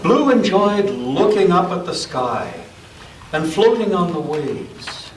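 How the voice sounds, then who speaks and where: A high-voiced, very animated man reads aloud from a children's story in a church, addressing listeners of all ages. Deliberate pauses and emphasis add drama, and he drifts into casual chat with the group. Echo fills the room, and the far-off mic picks up faint noise.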